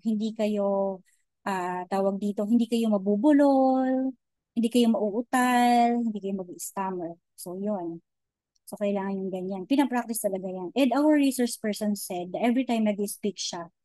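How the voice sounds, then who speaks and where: Dark-voiced woman giving a chatty lecture. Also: medium pitch, dry recording, poor audio. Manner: chatty Taglish, frequent "okay?" and "di ba?" check-ins; many hesitations and restarts. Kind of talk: informal online lecture.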